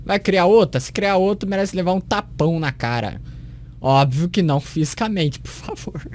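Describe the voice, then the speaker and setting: A man's voice: high voice, moderate pace, a little mellow, a little hiss or hum. Sarcastic man ranting. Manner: sarcastic, scornful, mocking. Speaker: commentator reacting to a sermon. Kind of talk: critical reaction commentary.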